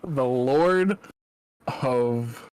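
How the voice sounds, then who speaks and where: A man's voice: medium pitch, drawn-out words, a little mellow, clear, resonant tone, no echo. Laid-back young man hosting, dry sound. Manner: laid-back, swears, reads news with sarcastic asides. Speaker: podcast host. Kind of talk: casual chat.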